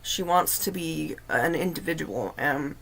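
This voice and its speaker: Woman, livestream host, low-pitched, earnest halting storytelling. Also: creaky, fairly bright tone. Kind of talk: casual storytelling.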